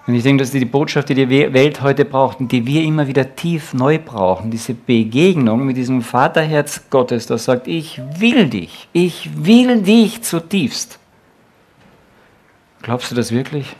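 Eindringlicher Prediger, lebhaft betonend. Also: male voice, mid-range voice, normal speed, few pauses, a little mellow. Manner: earnest, emphatic, quoting God and Jesus in direct speech. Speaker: preacher. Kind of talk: sermon with closing prayer.

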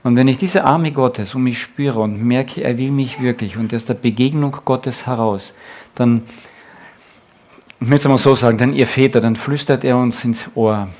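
A man's voice: medium pitch, normal speed, darkish tone. A man preaching a sermon to fathers, speaking earnestly and emphatically, and closing with a prayer. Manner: earnest, emphatic, quoting God and Jesus in direct speech.

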